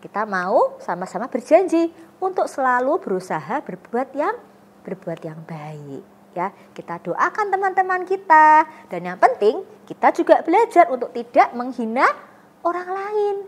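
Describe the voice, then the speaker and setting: Lively young woman Sunday-school teacher. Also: sits high, moderate pace. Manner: expressive, asks children questions and answers herself. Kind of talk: animated Bible storytelling for children.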